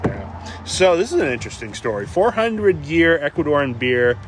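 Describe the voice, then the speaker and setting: A man hosting a casual podcast, relaxed as he reads out and talks over news stories. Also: fairly high pitch, normal speed, background noise. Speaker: podcast host.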